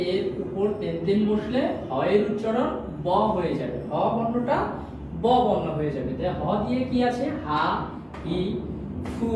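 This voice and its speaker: A woman with a Bangladeshi Bengali accent teaching a language class, drilling sounds over and over and answering her own questions. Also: mid-range voice. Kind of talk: classroom lesson. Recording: very echoey room, voice from far off, faint noise.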